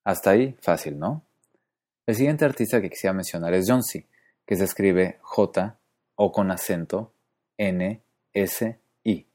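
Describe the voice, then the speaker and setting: A man hosting a podcast, explaining pronunciation methodically, spelling out letters and repeating sounds slowly. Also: low-pitched, dark tone. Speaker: podcast host.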